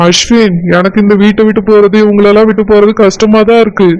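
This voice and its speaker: A woman voicing a timid young man in disguise who speaks softly and hesitantly, with a Kanyakumari Tamil accent, in a cartoon. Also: medium pitch, level tone, quick pace, dull audio, very noisy, close to an everyday voice. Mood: anxious. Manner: soft, hesitant pleading.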